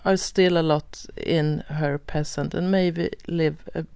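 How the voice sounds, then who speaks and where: A woman podcast host, asking gentle, hesitant interview questions. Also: deep voice, fairly even intonation, slow pace, vocal fry, clean tone, dry recording.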